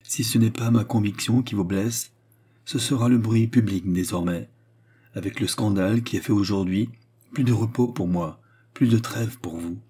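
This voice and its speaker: A grave, sad nobleman, loyal and stern, who speaks earnestly and solemnly, read by a man. The voice is low, mellow and husky, in an audiobook reading of a novel. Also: normal speed.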